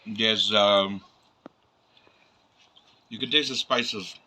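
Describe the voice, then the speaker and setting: A man's voice: fairly low pitch, steady tone, sharp tone. Man tasting steak. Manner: enthusiastic, halting while chewing. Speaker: host. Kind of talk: casual food tasting.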